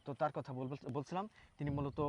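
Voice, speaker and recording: A man reporting from Bangladesh who introduces his guest and talks in a halting, repetitive way, full of fillers and restarts. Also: fairly high pitch, a little hiss or hum. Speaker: reporter hosting a local news interview. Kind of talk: on-camera interview with a timed demonstration.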